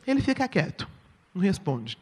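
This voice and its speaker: Brazilian woman church speaker, lively swooping delivery, sermon teaching, long hall echo. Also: mid-range voice, moderate pace, husky. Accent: Brazilian Portuguese. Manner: expressive, asks the audience "right?". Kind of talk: sermon-style teaching talk.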